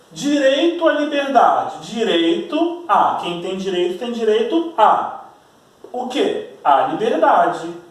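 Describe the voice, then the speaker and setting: A male Brazilian school teacher giving a slow grammar lesson, repeating his points and checking in with the class. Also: sits high, distant mic. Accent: Brazilian Portuguese. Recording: very echoey room, voice from off-mic.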